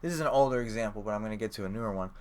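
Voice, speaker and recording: Talking very fast in a fairly low voice, this young sports-podcast co-host rambles through casual chat. Fillers pile up, and now and then he swears.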